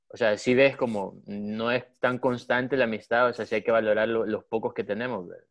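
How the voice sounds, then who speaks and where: A man hosting a casual chat, relaxed and encouraging the guests. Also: on the low side, fairly quick. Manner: relaxed, short agreeing interjections. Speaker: host.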